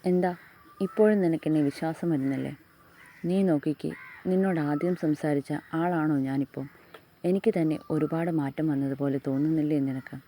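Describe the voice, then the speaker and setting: A woman's voice: low voice, brisk, mellow, a little hiss or hum. A woman reading as a tender young husband. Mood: earnest.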